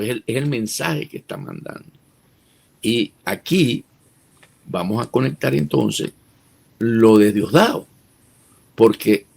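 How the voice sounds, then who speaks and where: Male analyst, gravelly husky voice, emphatic interview commentary. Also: medium pitch. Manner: emphatic, rhetorical questions, restarts words. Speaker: political analyst guest.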